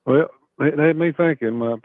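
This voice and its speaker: A middle-aged man from Kentucky with an Appalachian accent, chatting casually and haltingly as a folksy caller. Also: fairly high pitch, no room sound. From Kentucky, USA. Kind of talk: casual chat. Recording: muffled, band-limited phone call.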